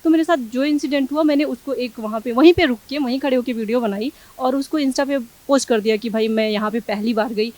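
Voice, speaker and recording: Fast-talking young woman. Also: a little high. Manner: animated, quick, acts out quoted exchanges. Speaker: interviewee. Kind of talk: news interview, recounting an incident.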